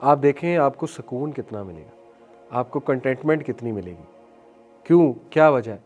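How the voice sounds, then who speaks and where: A man giving an earnest motivational religious talk, mixing English phrases into his speech and slowing down to recite phrases. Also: mid-range voice, lively intonation, a little mellow, faint music behind. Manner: earnest, mixes English phrases into Hindi-Urdu, slows to recite phrases. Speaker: Islamic speaker.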